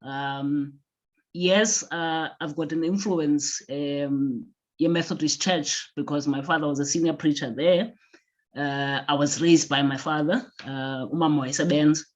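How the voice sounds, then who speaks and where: A South African woman with a Xhosa accent, a guest author chatting casually in a mix of two languages, haltingly and repeating words. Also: deep voice, steady tone. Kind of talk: casual conversation, mixing English and isiXhosa. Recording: dull, lo-fi sound.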